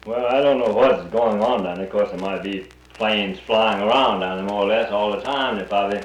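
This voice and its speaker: Heard on a roomy, faintly hissing recording from 1941, a man speaks fairly quickly in a voice on the low side. He's from North Carolina and talks bluntly about the war in casual conversation, restarting his sentences often.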